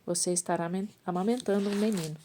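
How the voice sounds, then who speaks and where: A woman's voice: on the low side, fairly even intonation, fast, warm tone, slight background noise, natural voice. A woman voicing an elderly male prophet in a read-aloud Bible story, with small restarts and self-corrections. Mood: calm instruction.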